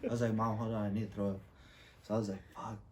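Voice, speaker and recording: A young man co-hosting a podcast, telling a profane, animated party story full of quoted voices. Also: fairly low pitch, fast talker, far from the mic. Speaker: podcast co-host. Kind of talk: casual storytelling among friends.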